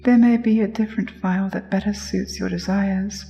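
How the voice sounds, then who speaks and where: A woman narrating a scripted guided hypnosis in a soft, soothing, measured way. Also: mid-range voice, fairly even intonation, creaky, long reverb tail, poor audio. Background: music.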